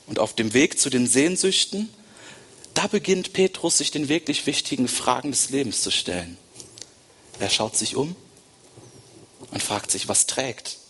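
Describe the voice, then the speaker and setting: A man's voice: mid-range voice, fairly bright tone, a little hiss or hum. A man preaching a sermon to his congregation, speaking directly to them and repeating phrases for emphasis. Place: church service.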